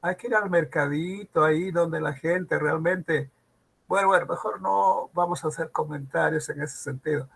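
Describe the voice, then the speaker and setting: A man's voice: on the high side, normal speed, gravelly, a bit bright, husky. A man teaching a grammar class, drawing out example words and firing rhetorical questions at his students.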